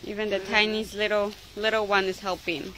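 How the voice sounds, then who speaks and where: A woman's voice: mid-range voice, level tone, normal speed, a crowd in the background, low-quality recording. A woman chatting casually and encouragingly in short phrases while filming outdoors on a handheld phone. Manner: encouraging, short repeated praise. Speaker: person filming the livestream. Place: outdoor cow shelter yard. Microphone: handheld phone, behind the camera. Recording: loud outdoor noise, animals around.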